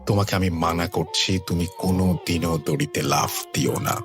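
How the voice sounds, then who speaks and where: A worried young man pleads softly and insistently, as a male storyteller puts him on. His voice is deep and low, with faint music behind him. It is an audio horror story. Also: steady tone, moderate pace, close to an everyday voice. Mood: pleading.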